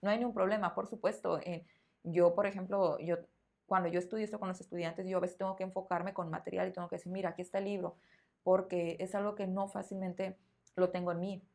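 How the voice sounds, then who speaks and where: This Spanish teacher with a Mexican accent talks fast in a lowish, gravelly, slightly mellow voice with little pitch movement. Hosting a conversational podcast interview, she explains thoughtfully and repeats words while searching for them.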